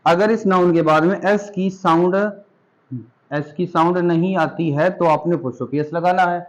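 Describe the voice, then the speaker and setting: Male teacher, classroom grammar lesson, patient, fairly high voice. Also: fairly even intonation, a little slow, rough recording. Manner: patient, addresses students as beta. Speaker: English teacher.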